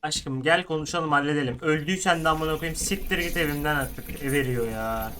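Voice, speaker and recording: A man streaming a horror game, swearing, yelling at the screen and talking to himself. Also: on the high side, brisk, a little hiss or hum. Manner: swears a lot, jumpy, yells at the game. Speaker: gaming streamer. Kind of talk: horror game let's play commentary.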